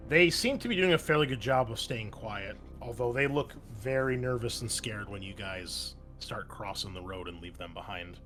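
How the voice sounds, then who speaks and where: A man serving as game master for a tabletop roleplaying game explains the rules conversationally in a lowish, slightly bright voice. He's animated, talks at normal speed with few pauses, and corrects himself somewhat hesitantly, with background music under his voice.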